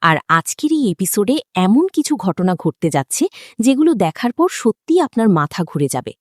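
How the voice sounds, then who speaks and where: A woman narrating a recap of a drama episode in an expressive, dramatic storytelling manner. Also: mid-range voice, normal speed, no room sound, studio quality.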